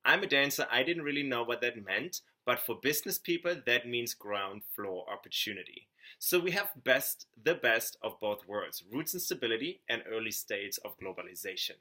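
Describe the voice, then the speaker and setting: A young man with a German accent talks straight to camera, pitching his business in an earnest, upbeat way. His voice is bright and forward, and he trips over a word now and then and restarts. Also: expressive, normal speed. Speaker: network marketing consultant. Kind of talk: scripted sales pitch to camera.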